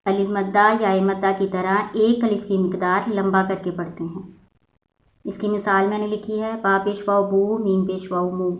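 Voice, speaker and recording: Patient woman teaching recitation, echoey lo-fi. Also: mid-range voice. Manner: patient, slows down to sound out examples. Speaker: Quran reading teacher. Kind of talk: step-by-step recitation lesson. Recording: echoey, phone-like lo-fi sound.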